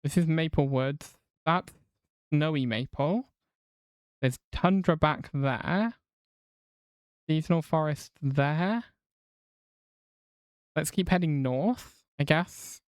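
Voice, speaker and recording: Her accent sits somewhere between southern and northern England as she casually streams a game, reading chat aloud and swearing casually. The voice is deep and slow, with long pauses, in clean studio sound free of room noise.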